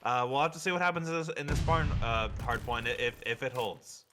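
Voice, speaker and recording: A man giving esports color commentary, halting with many restarts. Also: mid-range voice, over music.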